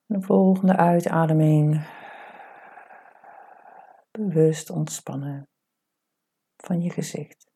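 A woman guides a meditation in a deep, very dark voice. There is gravelly fry in her soft, breathy delivery. She gives calm, soothing instructions and leaves unhurried pauses between them.

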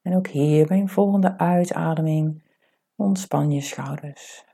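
A woman guides a meditation in a deep, very dark voice, her soft, breathy delivery edged with gravelly fry. She gives calm, soothing instructions and leaves unhurried pauses between them.

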